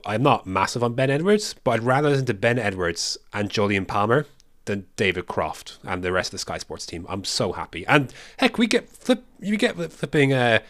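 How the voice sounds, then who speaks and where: A mid-range voice on a dry recording belongs to a young man co-hosting a podcast about motorsport. He chats casually with strong opinions, animated and swinging between excited moments and dry asides.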